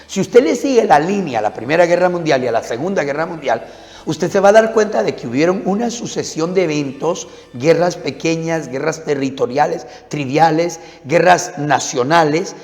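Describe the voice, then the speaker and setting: A man's voice: a little high, darkish tone. A male pastor preaching a sermon in a lecturing way, asking rhetorical questions and answering them himself. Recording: long hall reverb.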